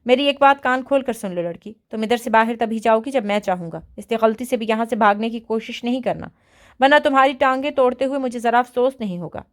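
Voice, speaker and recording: A woman putting on a rude young man, pushed down from her own fairly high voice into a cold, hard register. He threatens and sneers in measured, clipped lines. This is an audiobook character voice. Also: close to an everyday voice. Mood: menacing. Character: rude, menacing young man, vengeful kidnapper.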